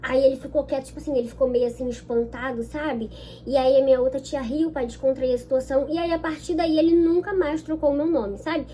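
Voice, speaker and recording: A young woman with a Brazilian Portuguese accent talks straight to her viewers, telling a personal story in a loose, chatty way. Her voice sits high yet sounds soft and mellow. There is a faint hum of background noise. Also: fairly even intonation, quick pace. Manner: chatty, keeps checking in with listeners. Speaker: vlogger.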